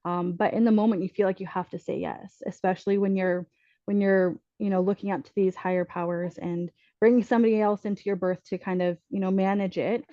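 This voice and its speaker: Mellow-voiced woman telling her story with many ums. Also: mid-range voice, fairly even intonation, a little fast, dry recording, lo-fi sound. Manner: earnest, thoughtful, frequent ums and restarts. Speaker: podcast guest telling her birth story. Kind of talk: personal storytelling in conversation.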